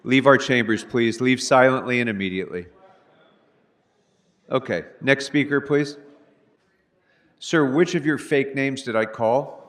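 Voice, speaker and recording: A man's voice: medium pitch, measured pace, long pauses, fairly bright tone. A man chairing a city council meeting in a curt, commanding way, giving orders and warnings to speakers. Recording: echoey council chamber.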